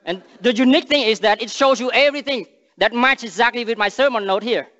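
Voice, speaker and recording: A man's voice: extremely high pitch, fairly bright tone. Earnest young Cambodian-accented man preaching. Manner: earnest, halting non-native English with restarts and emphatic rises. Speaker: missionary speaker. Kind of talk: sermon with prayer. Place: large church sanctuary stage. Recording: long church reverb, dull sound.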